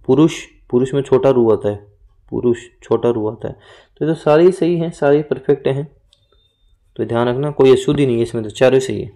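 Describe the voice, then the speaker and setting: A man's voice: mid-range voice, a little fast, mellow. A man teaching an exam-prep lesson, going through answers and repeating each word to drill the correct spelling. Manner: explains and repeats words, drills spelling points.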